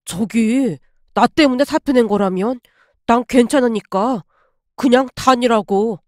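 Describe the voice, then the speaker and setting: A woman voicing a subdued middle-aged male department head who speaks low and humbled. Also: measured pace, dry recording, studio quality, lightly acted.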